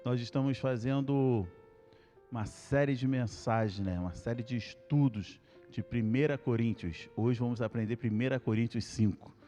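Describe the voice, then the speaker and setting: Earnest pastor man, mellow voice. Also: mid-range voice, in a large hall, soft background music. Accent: Brazilian Portuguese. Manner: earnest, repeats key points slowly, calls out "Amém?". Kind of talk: Bible study sermon.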